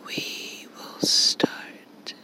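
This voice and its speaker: A woman hosting a guided relaxation session in a slow, soft whisper, counting breaths and movements. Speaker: relaxation host.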